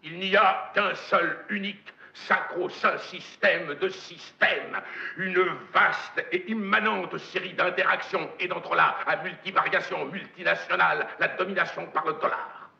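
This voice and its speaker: An actor playing a domineering, messianic corporate magnate in a film monologue, with hammy, theatrical stage declamation and a gravelly voice. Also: male voice, high voice, steady tone, a little slow, pushed and bright, exaggerated voice. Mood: thundering, wrathful. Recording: dull, echoey film soundtrack.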